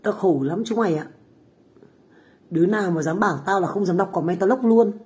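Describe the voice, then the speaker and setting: Speaking a little fast in a mid-range, darkish voice, a middle-aged woman from Vietnam hosts a livestream from her home kitchen abroad. She owns a food stall and chats with viewers casually, loudly, and with plenty of swearing and taunts.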